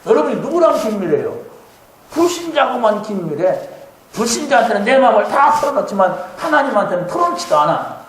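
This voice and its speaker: A man's voice: sits high, sing-song, fast. A male pastor preaching a sermon in a church, talking conversationally and keeping up a stream of questions to the congregation. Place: church sanctuary. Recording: heavy church-hall echo, faint hum.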